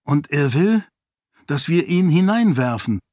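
A man voicing an eager, curious young male leader in an audiobook, speaking a little higher and livelier than his narration. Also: sing-song, measured pace, dark tone, no echo, studio quality.

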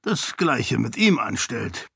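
A man voicing a portly, blunt, booming count in an audiobook, talking slowly and blusteringly. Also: sing-song, creaky, a bit bright, breathy edge, no room sound, studio quality, full character voice. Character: portly boisterous male count, blunt glutton. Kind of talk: audiobook character voice.

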